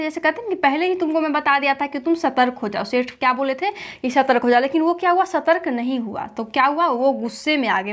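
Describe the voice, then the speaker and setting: A woman teaching a lesson with memory tricks, asking questions and answering them herself, repeating key points. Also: sits high.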